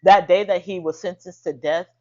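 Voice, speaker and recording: A woman's voice: on the low side, fairly even intonation, darkish tone. Woman retelling a spooky tale, lo-fi. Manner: halting retelling with repeated restarts. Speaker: podcast co-host. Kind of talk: casual storytelling chat. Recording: dull lo-fi sound.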